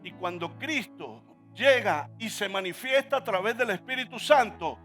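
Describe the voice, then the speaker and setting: A man's voice: high-pitched, lively intonation, normal speed, fairly bright tone, soft background music. A male pastor preaching a sermon in church, emphatic, often asking the congregation to repeat words after him.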